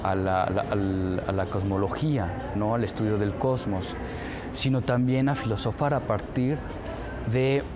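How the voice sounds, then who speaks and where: A man speaking unscripted as an interviewed expert, halting and repeating words as he searches. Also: fairly low pitch, fairly even intonation, background noise.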